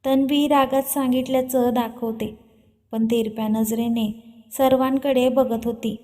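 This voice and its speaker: A woman narrating a serialized drama story in a steady reading. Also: on the high side, measured pace.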